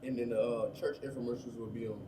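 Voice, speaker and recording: A man's voice: medium pitch, level tone. A man of thirty with a Miami accent, talking casually as an interview guest about his life, in loose street slang. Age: 30s. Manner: fast, loose street slang, lots of "you know what I'm saying". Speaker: rapper guest. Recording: distant mic with faint room noise.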